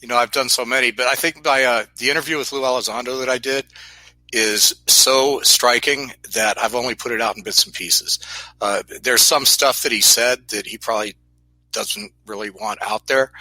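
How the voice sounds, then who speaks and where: A man's voice: medium pitch, a little fast, pushed and bright, no room sound, poor audio. A man speaking as an interview guest, explaining things in an earnest, emphatic conversational way.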